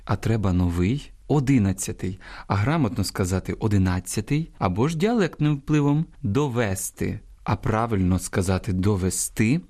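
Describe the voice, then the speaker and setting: A man with a Ukrainian accent presenting a scripted radio program on language, teaching correct word use and stress like a teacher and slowing down on each example word. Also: mid-range voice, a little mellow. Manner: didactic, stresses example words slowly.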